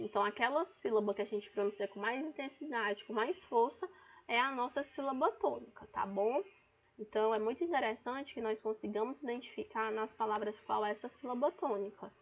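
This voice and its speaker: A woman's voice: fairly high pitch, normal speed. A woman teacher with a Brazilian Portuguese accent gives an online class, explaining patiently and calling out words to stress their syllables. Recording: dull lo-fi recording.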